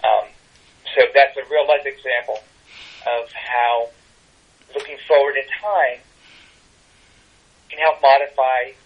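An older man chats casually as a guest, pausing often with ums and starting his sentences over. His voice is husky with a breathy edge. It comes through a muffled, dull phone connection. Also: mid-range voice, fairly even intonation. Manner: hesitant, many ums and restarts. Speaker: tarot reader guest. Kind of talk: casual interview chat.

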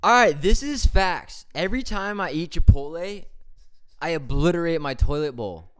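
A man's voice: fairly high pitch, lively intonation, normal speed, a bit bright, smooth. A man co-hosting in casual banter, with trouble saying R's, which sound closer to W's. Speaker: podcast co-host.

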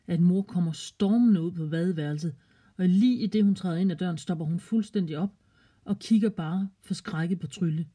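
A storyteller narrating a children's story in a calm, gently expressive way. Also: mid-range voice, husky.

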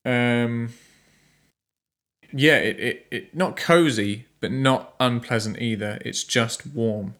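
A man acts as game master, narrating an improvised tabletop game and halting as he searches for words. His voice is mid-range and a bit bright.

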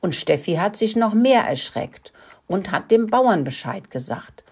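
A woman's voice: medium pitch, sing-song, a little slow, darkish tone, slightly rough, voice pushed up. A woman voicing a clumsy, fearful young rat who speaks nervously. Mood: anxious. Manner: trembling, nervous.

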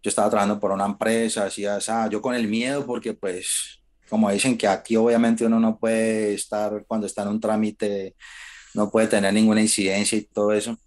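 A man's voice: fairly low pitch, fairly quick. Man, interview guest, casual storyteller who acts out dialogue. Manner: animated, acts out quoted dialogue in shifted voices.

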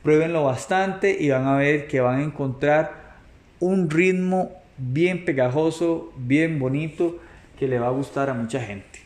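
A man talks students through a music lesson. He speaks slowly and patiently, with a somewhat high voice. He counts beats aloud as he demonstrates each exercise. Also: darkish tone. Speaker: music teacher. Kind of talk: explanatory lesson audio for students.

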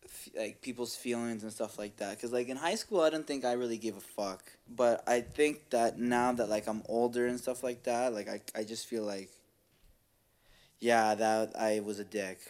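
A man's voice: mid-range voice, fairly even intonation, normal speed, darkish tone. A young man co-hosting a podcast, talking in casual, slangy, profane banter. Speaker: podcast co-host. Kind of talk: casual chat.

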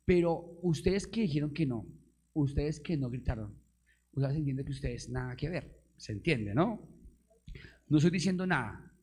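Male pastor, fairly high voice, punchy call-and-response sermon delivery, playful with the crowd. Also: expressive, normal speed, a little mellow, husky. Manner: call-and-response with the congregation, rhetorical questions, bursts of emphasis; playful, laughs with the audience. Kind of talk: live sermon.

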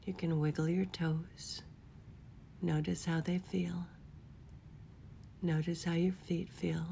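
A woman leading a guided relaxation in a soft, soothing whisper, gently giving unhurried instructions. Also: fairly low pitch, level tone, creaky, slight background noise. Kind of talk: whispered guided body-scan meditation.

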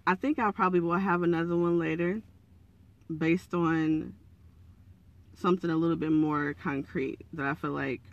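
A man with a raspy, froggy morning voice, slightly hoarse, giving a casual, earnest and encouraging monologue as a podcast host. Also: fairly high pitch, fairly even intonation, normal speed, no room sound, highs cut off.

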